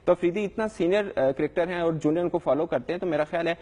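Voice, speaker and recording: A young adult man working as a sports reporter answers questions in a live news interview, earnest and defensive, hesitating often. His voice is fairly high with a darkish tone, and it sounds like a big room.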